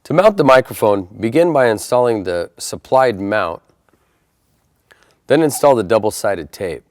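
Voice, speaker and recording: Speaking a little slowly in a lowish, animated voice, a man presents an installation tutorial. He goes through each step methodically and in plain language.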